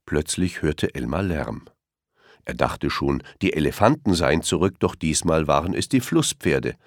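Deep-voiced man reading a children's story. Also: unhurried, dry recording, clean studio sound. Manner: expressive, lilting storytelling. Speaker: narrator.

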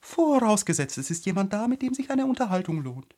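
A bossy, fiery female tiger lily from a storybook, voiced by a man, who speaks high and loud. She sounds proud and easily stirred up, and she cuts others off with sharp, commanding lines. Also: fairly quick. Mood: haughty. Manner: sharp, imperious and easily excited.

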